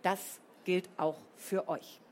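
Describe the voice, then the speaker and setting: A woman's voice: lowish voice, steady tone, slow, slight background noise. A woman reading a storybook, voicing a stern, middle-aged headmistress who speaks curtly and with command. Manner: curt and commanding.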